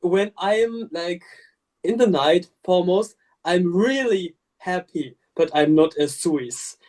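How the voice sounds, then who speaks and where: A man's voice: high-pitched, animated, slow pace, a little mellow. A man in a casual spiritual discussion on a podcast, talking candidly and laughing often as he tells stories. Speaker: podcast participant.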